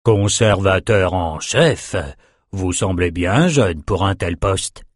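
A male reader voicing an easily offended aging prophet who speaks slowly and indignantly. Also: sits low, no room sound, studio quality.

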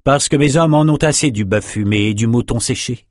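A man's voice: mid-range voice, brisk, no room sound, studio quality, close to an everyday voice. A man narrating a story voices a practical, matter-of-fact male general.

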